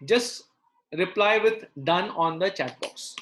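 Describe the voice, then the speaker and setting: A man teaches maths live online from an indoor room, explaining each step of the problems aloud and asking questions along the way. He speaks slowly in a high, fairly bright voice.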